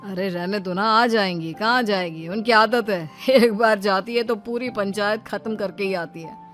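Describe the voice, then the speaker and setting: A woman's voice: medium pitch, normal speed, a bit bright, faint music behind, close to an everyday voice. A woman voicing an easygoing, dismissive young husband and son in a cartoon story, who brushes worries aside. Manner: offhand, brushing things aside. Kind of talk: cartoon voice acting.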